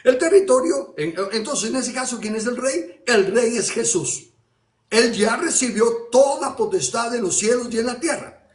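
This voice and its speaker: High-voiced man preaching emphatically. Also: animated, moderate pace, echoey room. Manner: emphatic, with rhetorical questions and repetitions. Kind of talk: sermon.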